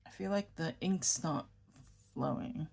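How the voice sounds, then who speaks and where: Low, mellow and a touch breathy with vocal fry, this New York-accented woman speaks a little slowly. She's a fountain pen vlogger rambling casually as she writes in a notebook, self-correcting and murmuring along the way.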